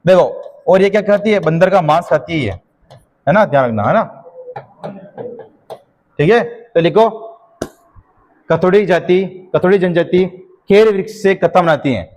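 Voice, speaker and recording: A middle-aged man, teaching an exam-prep class and slowly dictating notes, repeating each phrase and checking in with his students. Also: high-pitched, animated, darkish tone. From Rajasthan.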